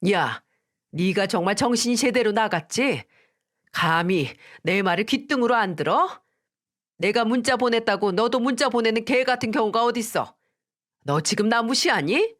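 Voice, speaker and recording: A woman doing a furious shrill mother-in-law. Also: expressive, moderate pace, fairly bright tone. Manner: shrill, abusive berating. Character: furious scolding middle-aged mother-in-law.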